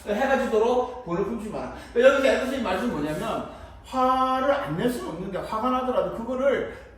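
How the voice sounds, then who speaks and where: A man's voice: very high-pitched, expressive, quick pace. A man giving a children's sermon at a church, playful and acting out little scenes, picked up from a distance in a church hall. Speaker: children's preacher. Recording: echoey room, mic far off.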